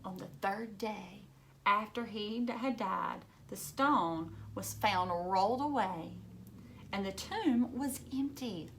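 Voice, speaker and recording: A woman with a medium-pitched, gravelly, slightly bright voice reads a children's storybook aloud slowly, like a teacher. She explains things simply and adds chatty asides to young listeners, over a faint hiss or hum.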